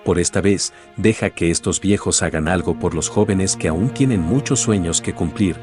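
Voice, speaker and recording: A man voicing a gentle elderly man who speaks in a soft, fatherly, resigned way. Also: sits low, normal speed, over music, close to an everyday voice. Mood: tender resolve. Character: gentle elderly man, calm and self-sacrificing.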